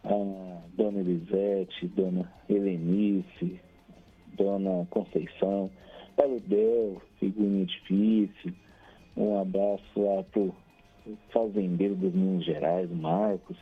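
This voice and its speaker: A low, husky-voiced Brazilian man calls in to a radio show, heard through a thin, crackly phone line that keeps breaking up. He is chatty and cheerful, laughs a lot and runs through long strings of shout-outs. Faint music plays behind him. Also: level tone, takes it slowly. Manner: cheerful and chatty, laughs often, reels off long lists of names. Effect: crackly phone line that keeps cutting out. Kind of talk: casual chat and shout-outs on air.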